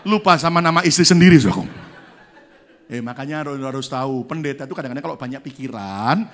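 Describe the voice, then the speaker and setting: In a church, a male pastor delivers a sermon, telling a story and playing each of its characters with lively energy. His voice sits in the mid range and moves at a fast clip.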